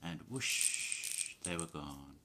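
A woman reading a picture book aloud, playful, pausing and correcting herself as she goes. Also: extremely low pitch, animated, sharp tone, a little hiss or hum. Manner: playful, with pauses and self-corrections. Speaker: reader.

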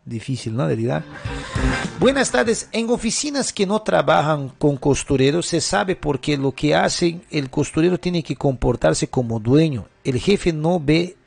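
A man's voice: fairly high pitch, lively intonation, unhurried, gravelly, slightly rough, faint music behind. A middle-aged male pastor giving question-and-answer sermon advice, asking rhetorical questions and tagging his sentences with short checks. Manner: constant tag questions, rhetorical.

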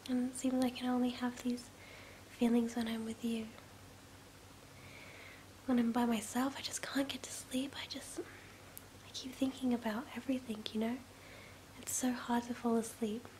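A woman's voice: fairly high pitch, little pitch movement, moderate pace, pauses often, a little mellow. A woman in her twenties in a whispered role-play as a sleepy, affectionate girlfriend, soothing and intimate, speaking close to the mic. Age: 20s. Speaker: ASMR performer. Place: small bedroom, indoors. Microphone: close to the mouth. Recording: clear background hiss and ambience.

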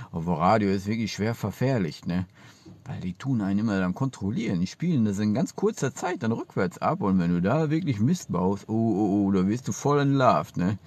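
A man's voice: low-pitched, darkish tone, no echo. A middle-aged man chatting casually and ramblingly to camera, often ending on little tag questions. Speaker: backwards-speech performer. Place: inside a car. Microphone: phone at arm's length.

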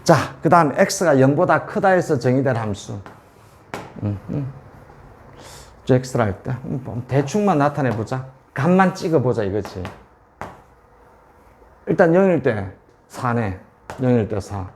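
Slow-talking man teaching math. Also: mid-range voice, expressive, darkish tone, slight background noise. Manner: checks understanding constantly, repeats values. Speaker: math tutor. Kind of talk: whiteboard calculus lesson.

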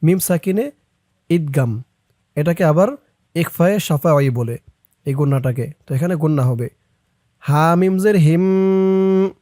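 A man teaching Quran reading, chanting verses slowly and then briskly explaining pronunciation, recorded close and dry. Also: a little high, expressive, mellow, no room sound. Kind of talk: recitation lesson, reciting then explaining.

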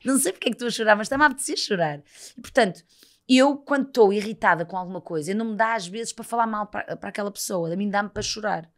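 A woman in her thirties with a European Portuguese accent talks at a racing pace in a mid-range voice. She's a podcast guest chatting casually, an animated storyteller who acts out the dialogue.

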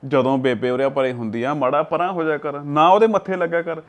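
An actor playing a young village husband with a Punjabi accent, calmly advising his wife and quoting proverbs. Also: on the high side, brisk, close to an everyday voice. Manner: calm, coaxing, uses proverbs.

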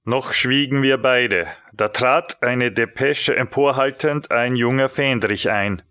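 Slow, bright male audiobook narrator. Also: medium pitch, clear, resonant tone, no echo. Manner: measured, dramatic. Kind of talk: scripted narration.

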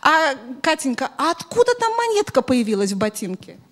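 A middle-aged woman teaching children through an interactive story, expressive and instructive, often putting questions to them, speaking into a handheld microphone in a hall. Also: sits high, fairly quick. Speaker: children's Sunday school teacher. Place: large bright church hall with audience of children.

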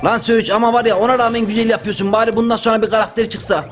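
A young man giving loud, joking, exclamatory commentary while playing a mobile game. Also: high voice, flat delivery, rapid-fire, faint music behind. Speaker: gaming YouTuber. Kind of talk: excited gameplay commentary.

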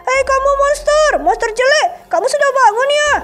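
A woman's voice: very high voice, normal speed, pitched above the performer's own voice. A woman voicing a cheerful young boy who leads the game, eager and a little bossy.

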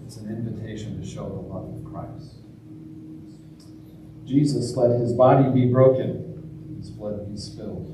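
A man leading a church service, preaching and then chanting the eucharistic prayer in a slow, measured liturgical way, with a heavy cathedral-like echo. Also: fairly low pitch. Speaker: priest. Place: large church. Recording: echoey church from far off, noisy.

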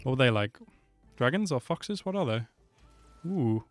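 A man in his twenties hosts a reaction video, his mid-range voice expressive and his pace measured. He speaks close to a desk microphone with a headset, giving laid-back, slangy commentary and swearing freely over game trailer audio and music.

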